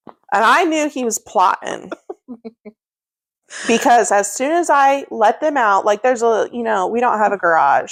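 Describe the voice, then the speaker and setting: Lively woman telling a comic story. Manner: animated, acts out quoted lines with big pitch jumps; frequent laughter while talking. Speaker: podcast co-host.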